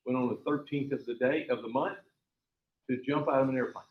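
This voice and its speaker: A man's voice: mid-range voice, fairly even intonation, a little fast. A man teaching a taekwondo class, giving a repetitive, emphatic motivational talk full of rambling stories. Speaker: taekwondo instructor. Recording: echoey, dull lo-fi room sound.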